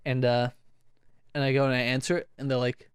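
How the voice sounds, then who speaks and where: A man's voice: mid-range voice, flat delivery, brisk, smooth, no echo, studio quality. A young man co-hosting a podcast, telling stories in a rambling way, laughing often and acting out quoted voices. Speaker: podcast co-host. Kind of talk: casual chat.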